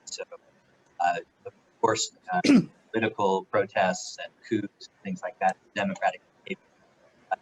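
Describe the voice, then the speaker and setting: A man speaking as an investor on a panel through a remote video call, his audio choppy and glitchy, talking in a halting way with fillers and restarts. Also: on the low side, slightly rough, rough recording. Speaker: private equity investor on a panel.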